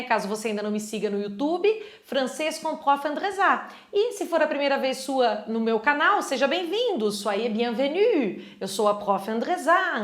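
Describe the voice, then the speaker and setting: A woman's voice: high voice, a bit bright, echoey room. A woman with a Brazilian Portuguese accent teaching French in a chatty, casual online lesson, often switching into French phrases.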